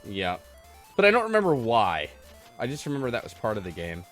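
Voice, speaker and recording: This host of a gaming livestream podcast takes calls as he plays, rambling with a geeky, self-mocking humor. His voice is lowish and a bit bright, with pitch that swoops wildly, and he speaks fairly quickly. Retro game music plays behind him.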